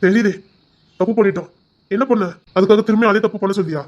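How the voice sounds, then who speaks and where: Fast, high-voiced man in an audio drama. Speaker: storyteller voicing the husband. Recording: dull lo-fi recording.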